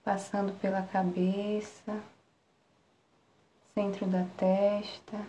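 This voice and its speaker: A Brazilian woman guiding a relaxation meditation in a soft, soothing spa-like manner, with long pauses between short phrases. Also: mid-range voice, flat delivery. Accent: Brazilian Portuguese. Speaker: meditation guide. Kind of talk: guided relaxation meditation, live. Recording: roomy echo, faint background noise.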